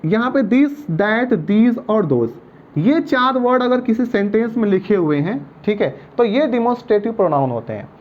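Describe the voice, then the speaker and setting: A male teacher with a high, animated voice gives a patient grammar lesson at a board, speaking at a normal speed, repeating each point and checking that his students follow along. The recording sounds lo-fi.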